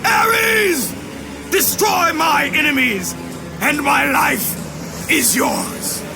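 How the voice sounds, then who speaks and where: An actor playing a fierce, vengeful young Spartan warrior in a video game, intense and declamatory. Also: male voice, very high-pitched, extremely slow, vocal fry, heavily acted. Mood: desperate roaring. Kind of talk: dramatic video game cutscene acting. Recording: loud music behind the voice.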